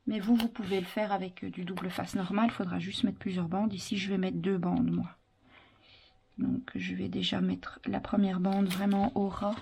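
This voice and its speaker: Woman, medium pitch, informal hands-on tutorial, instructional, talking while working, clear background noise with clicks. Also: flat delivery, normal speed, a little mellow. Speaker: craft tutorial presenter. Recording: clearly noisy with handling clicks.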